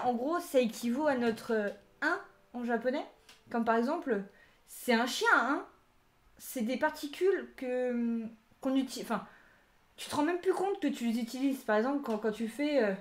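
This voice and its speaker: A woman teaching a casual live-streamed language lesson, chatty and full of asides and restarts. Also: a little high.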